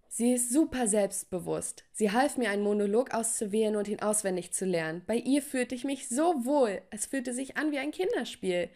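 A woman's voice: a little high, a little mellow. A woman telling a first-person story in a dramatic style, with sighing exclamations, over faint music. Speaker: narrator.

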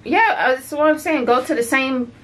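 A woman talks casually on camera, teasing and telling stories. Her voice sits slightly high for a woman, and her delivery is playful and relaxed. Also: moderate pace, a little hiss or hum. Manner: teasing, laughs often, playful storytelling. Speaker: vlogger. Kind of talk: casual chat.

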